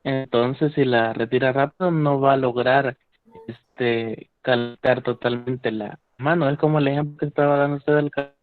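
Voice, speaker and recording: A man's voice: medium pitch, fairly even intonation, moderate pace. A male student answering hesitantly in an online class, his voice breaking up over a bad call connection. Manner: hesitant, searching for words. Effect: choppy bad call connection. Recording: dull, choppy video-call audio.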